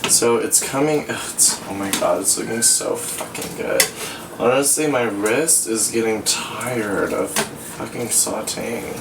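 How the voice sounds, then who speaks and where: A man's voice: on the low side, measured pace, vocal fry. A tipsy, giggly American man in his twenties, sassy and sweary, giving casual cooking commentary to a camera a few feet away. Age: 20s. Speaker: host of a home cooking show. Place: small cluttered home kitchen. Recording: echoey kitchen, distant mic, pan noise. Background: sizzling pan and clattering utensils.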